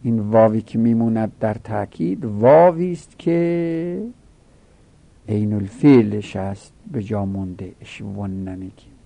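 Gravelly-voiced man teaching grammar. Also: on the low side, expressive, mellow, no echo. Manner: rhythmic conjugation drills, rising emphasis. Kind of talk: Arabic grammar lesson.

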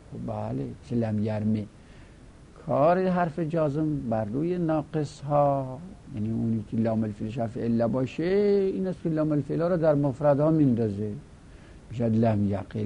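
A male teacher giving a grammar lesson, drilling word forms aloud and repeating them slowly for students. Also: mid-range voice, vocal fry, dull audio, slight background noise.

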